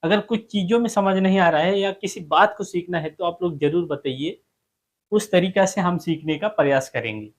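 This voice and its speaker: High-voiced man teaching phrases slowly. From central India. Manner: repeats phrases slowly, keeps asking "है ना?". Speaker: language teacher. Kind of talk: casual spoken lesson.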